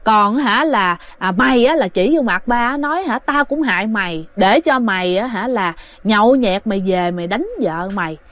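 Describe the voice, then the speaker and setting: A woman's voice: medium pitch, expressive, moderate pace, few pauses, a bit bright, dry recording, close to an everyday voice. A woman voicing an angry, cursing male ghost who scolds a family in a told ghost story. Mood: threatening. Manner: coarse, scolding.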